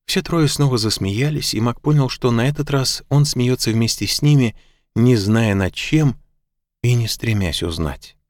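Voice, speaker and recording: A man narrating an audiobook in a measured, even reading. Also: mid-range voice, no echo, clean studio sound. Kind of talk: scripted narration.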